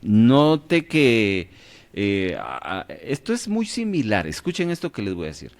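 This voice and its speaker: A low-voiced man teaches a radio Bible class, his pitch swooping wildly up and down as he quizzes listeners. Speaking a little slowly, he keeps pausing to confirm they are following before he moves on.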